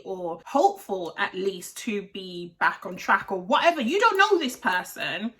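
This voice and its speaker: Bright-voiced opinionated woman recapping a show. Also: a little high. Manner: opinionated, animated, rhetorical questions. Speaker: commentary host. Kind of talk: casual TV recap commentary.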